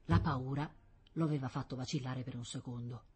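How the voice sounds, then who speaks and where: A woman narrates an audiobook in a steady storytelling manner. Her voice sits low and has a husky, breathy grain. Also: fairly quick.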